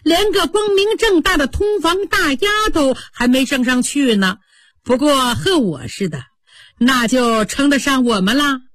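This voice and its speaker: A woman's voice: high-pitched, big pitch swings, a little slow, no echo, clean studio sound, voice pushed up. Qingwen, a sneering young maid, voiced by a woman. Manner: sneering, scornful. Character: sharp-tongued young maid, jealous and proud.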